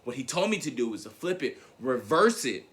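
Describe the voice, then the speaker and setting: A young adult man delivers a motivational speech, animatedly recounting a personal story in a brisk, mid-range voice. He often repeats his words and keeps addressing the audience as "guys."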